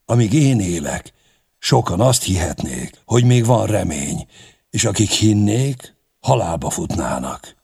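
A man reading the lines of a grim, proud pagan warlord in a grave, measured voice. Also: on the low side, sing-song, creaky, a little mellow, breathy edge, exaggerated voice.

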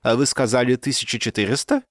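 A man voicing an excitable, theatrical professor in his sixties who rolls his R softly, in an audiobook. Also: medium pitch, fast talker, no echo, studio quality, voice pushed up, lightly acted. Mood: theatrical haggling. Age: 60s. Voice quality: soft burred R. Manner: theatrical, exclamatory. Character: excitable old male professor, theatrical and haggling. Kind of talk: audiobook character voice.

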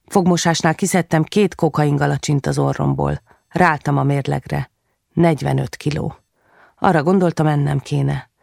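A woman narrating a first-person literary novel as an audiobook, in a measured, subdued, confessional way. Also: sits low, vocal fry, darkish tone, no echo, studio quality.

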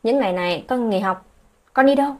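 A woman's voice: a little high, brisk, close to an everyday voice. Woman doing a furious scolding mother. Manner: scolding, sharp demanding questions. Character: hardworking middle-aged mother, furious and hurt.

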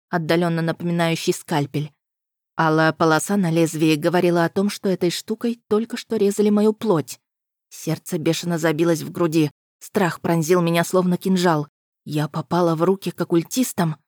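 A woman's voice: fairly low pitch, darkish tone, dry recording, studio quality. A woman reading a first-person novel aloud as an audiobook narrator.

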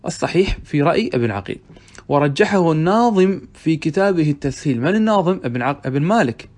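A man's voice: a little high, expressive, quick pace, darkish tone. A man teaching Arabic grammar, reading a classic text aloud and explaining it with questions to his students. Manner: reads passages aloud, then explains them with questions to students.

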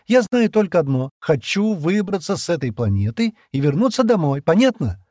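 A man's voice: high-pitched, sing-song, moderate pace, dry recording, studio quality, pitched above the performer's own voice. A man voicing a tired, irritable young woman who snaps sharply. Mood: irritated. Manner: sharp, snappish. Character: weary, irritable young woman wanting home.

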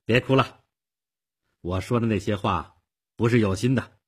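A man's voice: on the low side, normal speed, husky, pitched above the performer's own voice. A man playing a suspicious young male fugitive who talks in a guarded, grudging way in a storytelling performance. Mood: placating.

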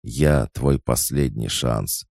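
A man voicing a growling, menacing ancient male god of death who speaks slowly and commandingly. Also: a bass voice, a little mellow, no room sound, studio quality, exaggerated voice. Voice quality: growling, rasping laugh.

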